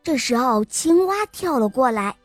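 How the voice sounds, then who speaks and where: A woman telling a bedtime story to children in a warm, sing-song way. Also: high voice, expressive, normal speed, no room sound. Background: faint music.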